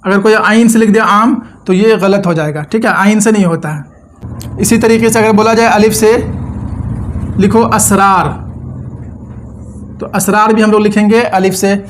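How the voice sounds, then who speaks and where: A man's voice: sits high, steady tone, normal speed, long pauses, slight background noise. A man teaching an Urdu lesson step by step, patiently repeating words and asking the viewer questions.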